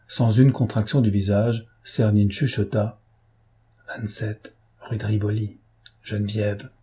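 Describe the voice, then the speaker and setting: A man reading a novel aloud as audiobook narrator, with measured, steady storytelling. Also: on the low side, breathy edge. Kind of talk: scripted narration.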